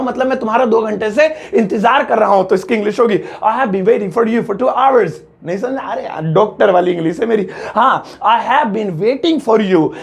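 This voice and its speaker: Indian male English tutor, high gravelly voice, playful classroom patter, slow careful example sentences. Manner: jokey, chatty, slows down to spell out English sentences. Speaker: English teacher. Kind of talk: spoken English lesson in Hindi.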